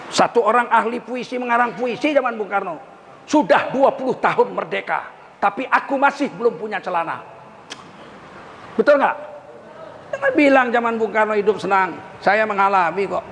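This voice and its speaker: An older man delivers a sermon in a high, animated voice, acting out the people in his stories. His voice rings through a reverberant hall, with faint noise underneath. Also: moderate pace, vocal fry, pauses often. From Indonesia. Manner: animated storytelling with quoted dialogue. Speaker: preacher.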